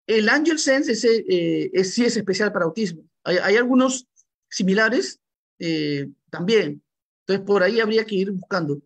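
A middle-aged man hosting a relaxed video call chat from a room at home, rambling with fillers and restarts. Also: high-pitched, normal speed. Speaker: host. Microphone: laptop mic on video call.

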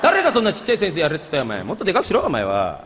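A man in his thirties working as the straight man of a comedy duo on stage, firing off sharp, blunt retorts. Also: on the high side, huge pitch swings. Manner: rapid, sharp retorts ending in blunt jabs. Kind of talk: stand-up double act on stage. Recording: live stage with laughing audience and noise.

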